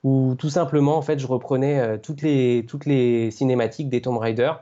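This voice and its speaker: A man's voice: mid-range voice, fairly even intonation, moderate pace, dark tone, highs cut off. A man who is a guest on a podcast, recalling his past in a casual, hesitant way, repeating words and using fillers. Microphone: call over Skype.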